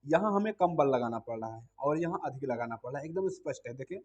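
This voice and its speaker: A man's voice: mid-range voice, animated, fast, darkish tone. A man teaching a music lesson, explaining patiently step by step and asking listeners to hum along.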